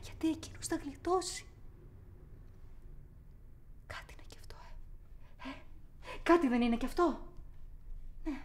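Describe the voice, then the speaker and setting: A woman's voice: high-pitched, pauses often, natural voice. An actress performing a theatrical monologue as a young woman haunted by childhood abuse, repeating words obsessively and swinging between whispers and outbursts. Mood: hushed, haunted. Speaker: actor.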